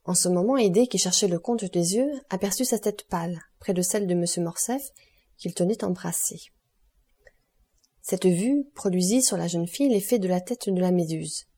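A woman reading a classic novel aloud as an audiobook, in steady scripted narration. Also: lowish voice, moderate pace, slightly rough. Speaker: audiobook reader.

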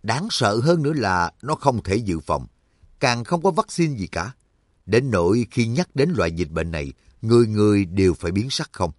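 A man reads out a self-satisfied, menacing villain who lectures with scorn for everyone around him. The voice sits low and moves with lively rises and falls. The recording is close and dry. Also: moderate pace, dry recording. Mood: smug lecturing. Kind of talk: audiobook character reading.

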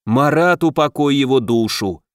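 A man's voice: medium pitch, moderate pace, no echo, clean studio sound, lightly acted. A man voicing a blunt, strong dwarf clerk in an audiobook, eager and plain-spoken. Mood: hearty.

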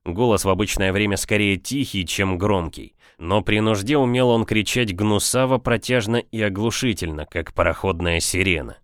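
A male audiobook narrator reads in a steady, measured way with a fairly low voice. The recording is dry and close, with no room around it. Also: no room sound.

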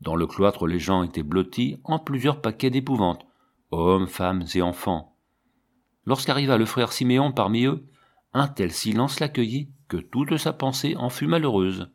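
A man narrating a literary audiobook in a measured, expressive way. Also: mid-range voice.

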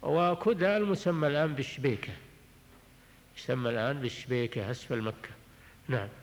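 Man, religious scholar, measured lecture, repeats phrases, clears throat, long hall echo on old tape. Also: medium pitch, a little hiss or hum. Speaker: religious scholar teaching a text. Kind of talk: recorded lecture explaining jurisprudence.

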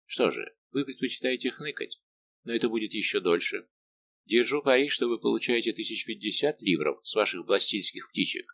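A man reading aloud voicing a lively, bantering middle-aged musketeer captain. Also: on the low side, fairly quick, vocal fry, slight background noise. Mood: teasing. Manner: warm, bantering and persuasive.

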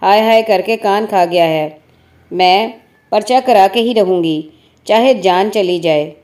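A woman voicing a sharp-tongued, defiant working-class wife who scolds and protests in a spoken story. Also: medium pitch, lightly acted. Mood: scolding. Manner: snappy, scolding.

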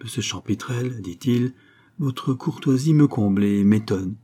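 A man reading as an impatient young gentleman. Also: mid-range voice, a little slow, slightly rough. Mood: courteous. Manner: polite but exasperated.

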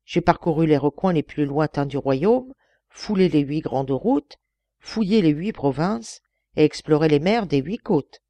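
A woman's voice: sits low, expressive, measured pace, dark tone, dry recording. Woman reading as a sly, stern male envoy in an audiobook. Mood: boastful. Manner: stern and wheedling.

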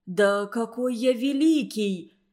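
A woman's voice: on the high side, slow pace, a little mellow. A woman reading a storybook aloud and voicing a small, round, flustered male barber who babbles apologies. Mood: desperate.

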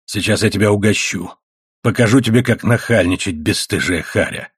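A man's voice: lowish voice, normal speed, dry recording, clean studio sound. A man voicing a hulking, threatening blacksmith who jeers and snarls his threats, in an audiobook reading. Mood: menacing. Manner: gruff, jeering threats. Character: threatening heavy male blacksmith, young adult-to-middle-aged, brutish.

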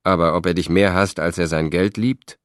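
A man voicing a blunt, irritable Roman brother in an audiobook, forceful and exasperated. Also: low-pitched, fairly even intonation, normal speed, dry recording, clean studio sound, close to an everyday voice.

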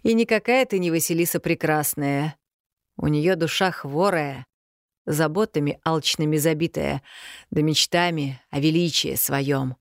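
Brief: a woman doing an invisible male spirit, slow, grumbling, low-voiced storybook guardian. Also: dry recording, studio quality.

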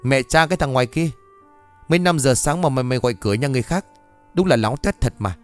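A man voicing a drunken, hot-tempered young husband in a ghost story, shouting in a rushed, higher voice. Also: animated, soft background music, natural voice. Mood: grumbling. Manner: loud, hurried and angry.

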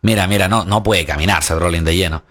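Excitable Chilean male wrestling commentator. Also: low voice, fast. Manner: excitable, repeats calls for emphasis.

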